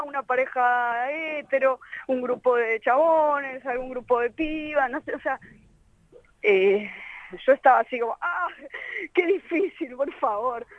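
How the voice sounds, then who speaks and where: A woman's voice: sits high, no room sound. A woman with a Rioplatense Argentine accent, a guest musician telling a rambling story over the phone with lots of filler phrases. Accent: Rioplatense Argentine Spanish. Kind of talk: anecdotal phone interview. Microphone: telephone line. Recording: dull lo-fi phone line.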